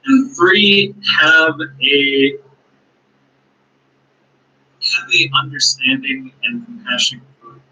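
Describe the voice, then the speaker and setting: A young man being interviewed in casual chat, listing his hobbies with frequent fillers and pauses. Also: medium pitch, very animated, pushed and bright. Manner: hesitant, lists his talents with fillers. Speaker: guest. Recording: dull lo-fi audio.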